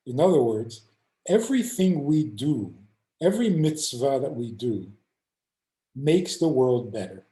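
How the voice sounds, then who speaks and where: A man's voice: mid-range voice, measured pace, reverberant, rough recording. An older man, a rabbi, teaching over a video call and telling stories, acting out the people he quotes. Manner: animated storyteller acting out quoted voices.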